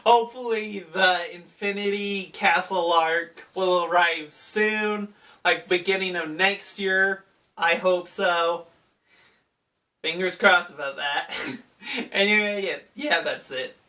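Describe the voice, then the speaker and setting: A man's voice: high-pitched, slow, sharp tone. A man giving an enthusiastic, rambling casual recap of an anime episode on his channel. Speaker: anime YouTuber. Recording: voice distant from the mic.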